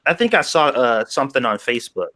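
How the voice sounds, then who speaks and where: A man's voice: mid-range voice, expressive, quick pace, sharp tone. A man on a live-stream panel, chatting casually and telling anecdotes.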